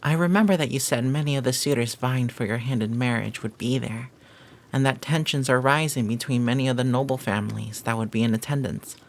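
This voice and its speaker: With a medium-pitched, lightly acted voice, a performer plays a flirty, devoted maid in a scripted romantic audio roleplay. She teases and gossips in formal, flowery phrasing, sounding playful and curious.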